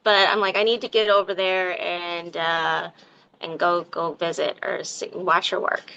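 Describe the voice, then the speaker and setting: A woman chatting casually as an interview guest, expressive and talkative, with a sweet voice like a cartoon princess. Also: fairly low pitch, creaky, lo-fi sound, a little hiss or hum. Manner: chatty, expressive, quick to laugh. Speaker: podcast guest, mermaid performer.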